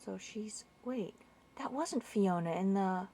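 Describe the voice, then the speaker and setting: A woman's voice: medium pitch, takes it slowly, mellow, a little hiss or hum. A woman playing through a game walkthrough, thinking aloud and muttering confused questions as she goes. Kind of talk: casual gameplay commentary.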